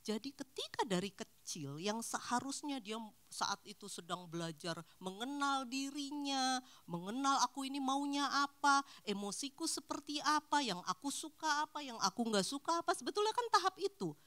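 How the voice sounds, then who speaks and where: A middle-aged woman speaks in a relaxed, chatty way to a church group of married couples. Her pitch rises and falls freely. Now and then she slips into short acted bits of everyday talk. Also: moderate pace. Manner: animated, acts out little dialogues. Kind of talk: casual talk.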